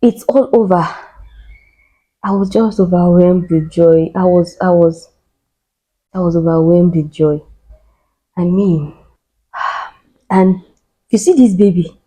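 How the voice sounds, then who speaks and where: A young adult woman host telling a personal story on a podcast, expressive and dramatic, with cries, sighs and emphatic repetition. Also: on the low side, slow pace, long pauses, husky, low-quality recording.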